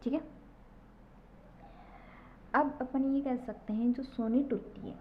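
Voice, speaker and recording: A woman teacher slowly explaining poetry to a class, repeating key terms and often checking "okay?". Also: high voice, fairly even intonation. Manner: slow, repetitive explaining with frequent checks of "ठीक है". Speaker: English literature teacher. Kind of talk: classroom lecture. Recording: dull lo-fi recording with faint noise.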